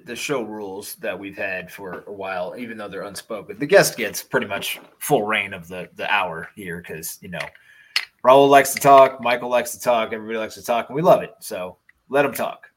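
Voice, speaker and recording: A man's voice: on the low side, normal speed, a bit bright, a little hiss or hum, rough recording. A man with a Chicago accent co-hosting a casual sports podcast, rambling with restarts and fillers. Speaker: podcast co-host.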